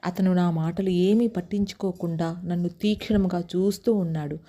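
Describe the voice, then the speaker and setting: Storyteller, woman, Telugu accent, deep mellow tone, steady narration, a little low. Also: normal speed. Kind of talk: first-person story narration.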